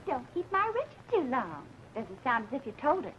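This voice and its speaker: An actress playing a possessive young fiancée with sweetly cutting remarks in 1940s screwball comedy film banter. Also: female voice, high voice, wildly swooping pitch, normal speed, a bit bright, full character voice. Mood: catty. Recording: muffled, noisy 1940s film soundtrack.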